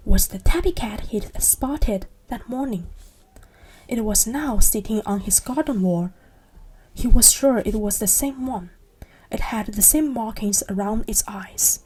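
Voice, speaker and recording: A young woman reading a novel aloud in a soft ASMR style, hushed and partly whispered. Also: fairly high pitch, a little hiss or hum, poor audio. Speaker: narrator.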